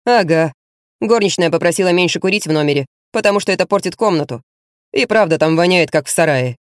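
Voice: mid-range voice, lively intonation, quick pace, no echo, clean studio sound, lightly acted. Narrator voicing a sardonic pierced young man.

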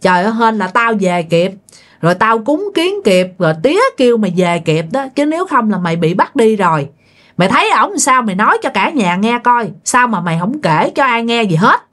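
A woman's voice: fairly high pitch, sing-song, fairly quick, a bit bright. A woman voicing a blunt, scolding village aunt. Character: stern older village aunt who performs rites.

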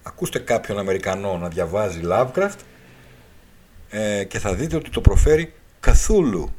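A man's voice: medium pitch, a little mellow, a little hiss or hum. A man hosting a radio talk show, lecturing at length, spelling out letters one by one and repeating his key points. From Greece. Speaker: radio show host and author.

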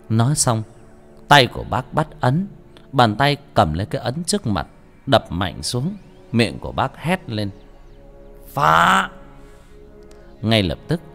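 Cast: male storyteller with a low voice, very lively intonation, faint music behind. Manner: expressive, dramatic. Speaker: audiobook narrator. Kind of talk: dramatic story narration.

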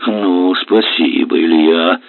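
A man voicing a gruff, grumbling middle-aged helmsman with rough, mocking speech, read for a storybook. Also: fairly low pitch, sing-song, a little slow, dry recording, full character voice. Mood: sullen. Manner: sullen, mocking, rough colloquial. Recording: tinny dry lo-fi audio.

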